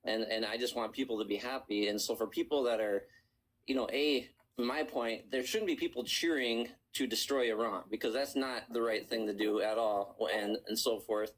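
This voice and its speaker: A man calling in to a live stream, talking in a rambling, halting way with many restarts. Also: mid-range voice, rough recording. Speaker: caller. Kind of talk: casual call-in chat.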